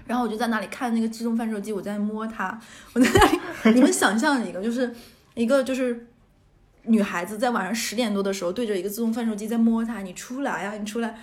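Fast-talking young woman radio host. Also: a little high. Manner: lively storyteller who laughs often at herself. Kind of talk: casual radio chat, telling a funny story.

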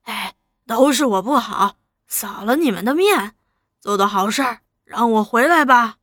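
A woman's voice: fairly high pitch, expressive, unhurried, fairly bright tone, no echo, studio quality. A woman voicing an old man addicted to opium, pleading in a servile, wheedling way in a storybook reading.

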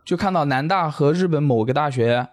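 A man's voice: fairly high pitch, a little fast. A man in his thirties from China, chatting casually as an interview guest, speaking Mandarin with English loanwords pronounced in a Japanese accent. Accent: Japanese-accented pronunciation of English loanwords in Mandarin. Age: 30s. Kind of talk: casual conversational storytelling.

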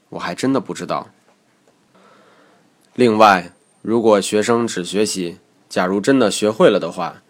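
A man narrating a scripted lesson as an English teacher, explaining calmly and reading example words aloud. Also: fairly low pitch.

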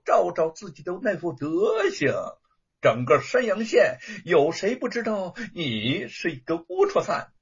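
A cackling, spoiled young lordling, as a man puts him on mocks his rival in a storybook tale. The voice rides high and swoops wildly up and down, with a husky, breathy grain. The recording sounds dull and muffled. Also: exaggerated voice. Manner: taunting, cackling, sneering. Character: gloating spoiled young male lordling, cruel mocker.

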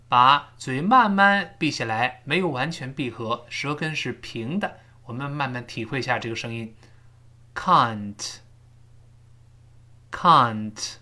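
A man teaching English pronunciation in a recorded lesson, explaining step by step and drawing out sample words slowly. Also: medium pitch, bright, forceful tone.

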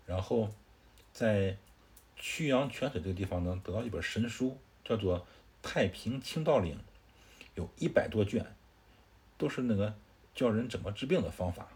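A man doing a calm old Taoist healer. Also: fairly low pitch, normal speed, long pauses. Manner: patient, explanatory.

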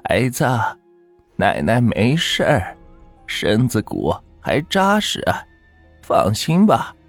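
Calm old grandmother, slow and soft-spoken, husky edge, as a male storyteller plays her. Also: mid-range voice, faint music behind, heavily acted. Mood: gentle. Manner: slow, soothing. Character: kindly old village grandmother, calm and gentle.

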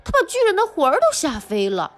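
Woman narrating kids' picture book, high lively voice, soft music behind. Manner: expressive, slow, animated storytelling. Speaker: storyteller. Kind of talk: children's picture-book reading.

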